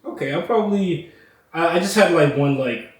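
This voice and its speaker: A man's voice: fairly high pitch, normal speed. A young man hosting a casual podcast chat, laid-back, with lots of fillers and laughs. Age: young adult. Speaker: podcast host. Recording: echoey room, mic at a distance.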